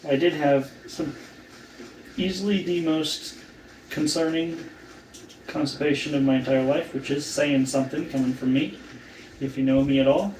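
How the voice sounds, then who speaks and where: A man talking casually in a recovery vlog, weak and sore after surgery, halting and trailing off with long pauses. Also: a little high, steady tone, darkish tone. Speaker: vlogger documenting own surgery recovery. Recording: roomy, distant mic, faint background noise.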